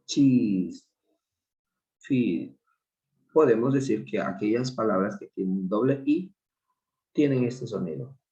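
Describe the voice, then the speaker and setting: A man teaching an online English class, explaining slowly and patiently with repeated examples. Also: mid-range voice, roomy sound, dull audio. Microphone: video call.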